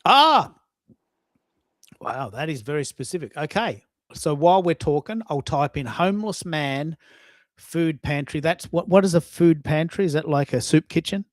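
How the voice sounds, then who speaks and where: A man with a fairly high, expressive voice hosts a casual live audio show, thinking aloud as he talks to his listeners. He's halting, stumbling and repeating phrases. The recording is dry, with no room echo.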